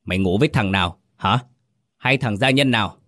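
A man's voice: fairly low pitch, fairly quick, dry recording, clean studio sound, close to an everyday voice. A man voicing a furious, humiliated old father who hurls insults and orders at his household. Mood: raging. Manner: raging, shouting insults. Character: furious older father, proud and violent.

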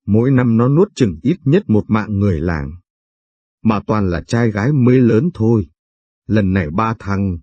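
A man reading a somber short story aloud in a measured narration. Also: fairly low pitch, lively intonation, dark tone, dry recording, lo-fi sound.

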